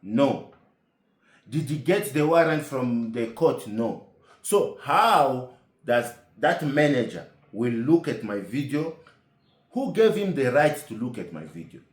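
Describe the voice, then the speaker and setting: A man telling a comic story as a monologue, animated and indignant, firing rhetorical questions. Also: mid-range voice, slow, echoey room.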